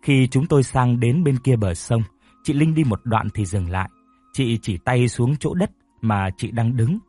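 Husky male storyteller, mellow voice. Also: medium pitch, lively intonation, unhurried, dry recording. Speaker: narrator. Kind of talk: storytelling narration. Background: faint music.

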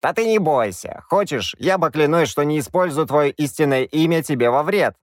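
Man doing a nervous old wizard, bit higher voice, bouncy, dry sound. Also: lively intonation, moderate pace, dry recording, lightly acted. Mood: eager. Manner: hesitant, fussy. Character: old court wizard, hesitant and cautious.

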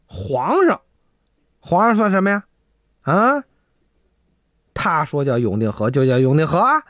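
A man's voice: a little high, very animated, unhurried, a bit bright, no echo, studio quality. Man voicing a lecturing male loach spirit, storyteller's bossy folk-tale demon. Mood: scolding.

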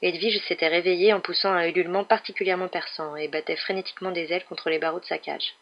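Low-voiced woman narrating a story. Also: steady tone, quick pace, dull audio. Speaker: audiobook narrator. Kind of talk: scripted narration.

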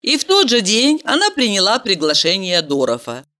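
A woman doing scripted audiobook narration in an expressive storytelling manner. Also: medium pitch, normal speed.

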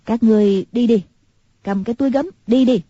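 A woman's voice: fairly high pitch, a little fast, dark tone, slightly rough, no room sound. A woman voicing a bitter, eerie older recluse who speaks harshly and grimly. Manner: harsh and grim. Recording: muffled lo-fi recording.

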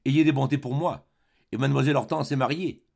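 A man's voice: mid-range voice, a little fast, gravelly, darkish tone. A man reading an audiobook aloud, voicing a scheming, pompous former perfumer, a vengeful suitor with a smug, insinuating manner.

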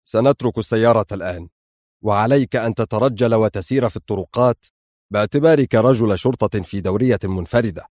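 A man's voice: on the low side, a little fast, a little mellow, no echo, studio quality, natural voice. A man doing a cool, commanding secret agent. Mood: firm. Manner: firm, clipped, commanding. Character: fearless male secret agent, firm and decisive.

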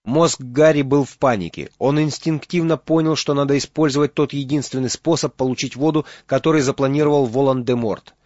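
A man reading an audiobook as narrator, in steady dramatic storytelling. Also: medium pitch, fairly quick, few pauses, no room sound, highs cut off. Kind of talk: scripted narration.

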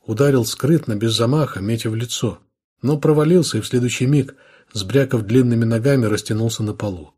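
Husky male audiobook narrator. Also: mid-range voice, brisk, warm tone. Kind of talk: scripted narration.

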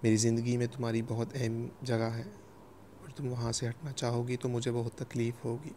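A man's voice: medium pitch, level tone, dark tone, a little hiss or hum, lightly acted. A man voicing a worried young husband who speaks earnestly and pleadingly.

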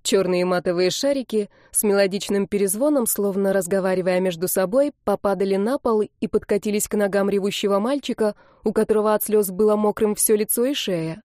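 A woman narrates an audiobook with steady, dramatic storytelling. Her voice is dark and mellow at a middle pitch, recorded close on a studio mic in a dry room. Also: brisk, few pauses, dry recording. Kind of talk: scripted narration.

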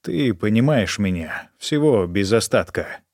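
A man voicing a weary, bitter male character in an audiobook, speaking flatly and subdued. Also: fairly low pitch, measured pace, dry recording, clean studio sound. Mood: tender. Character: weary, bitter man, tender then cold.

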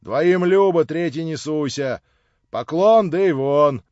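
A man voicing a lazy, gruff yard keeper in an audiobook. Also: slow, darkish tone, dry recording. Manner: lazy, booming. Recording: slightly dull lo-fi audio.

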